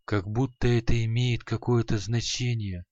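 Man doing a cantankerous old dead wizard, low muttering gripe, lo-fi dry audiobook read. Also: slow pace, no echo, close to an everyday voice. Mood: grumbling. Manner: grumbling, scornful, muttering. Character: grumpy dead old male sorcerer, spiteful teacher.

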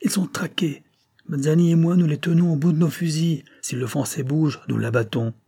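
Man putting on a taunting bandit chief, high strained voice, mocking, storybook villain. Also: normal speed, gravelly, dark tone, slightly rough. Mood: threatening. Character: sneering brutal male bandit leader.

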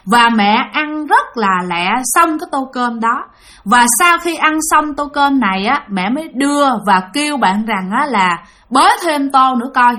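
In a high, expressive voice, a woman with a Southern Vietnamese accent tells a ghost story, chatting directly to her listeners. Her pace is moderate and her sound is pushed and bright.

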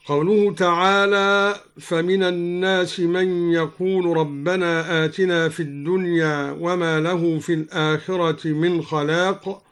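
A man from Egypt giving a measured radio lesson on Quranic readings, slowly chanting the verses he explains. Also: sits high, steady tone, a bit bright, smooth. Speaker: Quran recitation teacher. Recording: broadcast radio recording.

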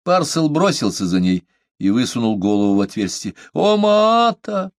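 Low, lively male audiobook reader. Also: fairly quick, no room sound, studio quality. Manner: expressive, lively reading. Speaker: audiobook narrator. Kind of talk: audiobook reading of a novel.

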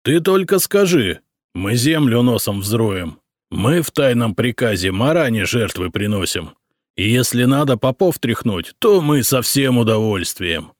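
A man reading an audiobook, voicing a calm, stubborn old boyar who answers in a level, dignified way. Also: mid-range voice, no echo, studio quality, pitched above the performer's own voice. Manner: level, dignified, unhurried replies.

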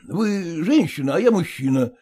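A proud, fussy male yard dog, read by a man in an audiobook, speaking in a stern and indignant way. The husky voice sits a little higher than most men's. He lingers over his words, slow and deliberate. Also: lively intonation, warm tone. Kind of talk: audiobook reading.

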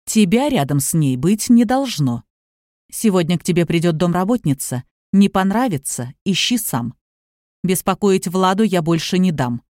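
A woman reading the lines of a calm, authoritative younger man who speaks quietly but firmly. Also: lowish voice, moderate pace, no room sound, studio quality. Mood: stern. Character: calm, commanding younger man, protective suitor.

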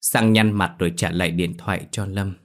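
A man narrating a ghost story audiobook in a steady storytelling manner. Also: low-pitched, normal speed.

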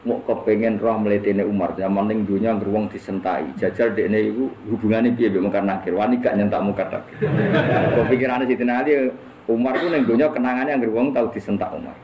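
Male Javanese preacher, low voice, joking storyteller, echoey room. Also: a little fast, muffled recording. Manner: humorous, lively storyteller, often laughing. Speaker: Islamic preacher. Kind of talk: religious lecture with storytelling. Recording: echoey room with faint noise.

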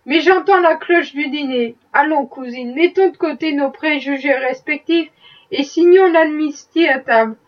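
A woman reading the part of a sardonic middle-aged Southern gentleman, arguing in an ironic, worldly way. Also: sits high. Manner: ironic, worldly, unhurried argument. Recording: dull, distant-sounding audiobook recording.

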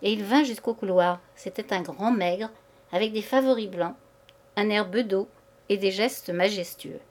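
A woman reading a classic short story aloud in a measured, expressive way. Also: medium pitch. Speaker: reader.

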